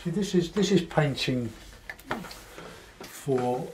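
A man in his sixties with a South London accent, giving an unhurried, casual commentary as he demonstrates painting, pausing and half talking to himself. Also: on the high side, expressive, noisy background. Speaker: painting tutor. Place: small cluttered home studio, indoors.

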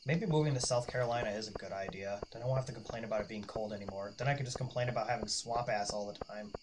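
A man's voice: on the low side, fast talker. A man casually chatting and joking crudely while playing a farming game with a friend. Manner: crude, joking, teasing banter. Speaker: let's play gamer. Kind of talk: casual gaming chat. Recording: noisy home recording.

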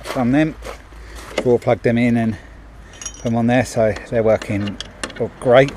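Speaking at a moderate pace in a mid-range, darkish voice with fairly even intonation, the middle-aged handyman chats casually through a walkthrough of completed work at a driveway gate. There are lots of ums and restarts, and his body-worn action camera picks up a little hiss or hum.

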